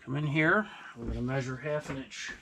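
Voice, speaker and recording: Middle-aged man, mid-pitched voice, casual hands-on workshop commentary, thinking aloud, faint background noise. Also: fairly quick, pushed and bright, poor audio. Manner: unscripted, thinking aloud while working. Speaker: host, hobby machinist. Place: small indoor wood-panelled workshop. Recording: clear machine and workshop noise.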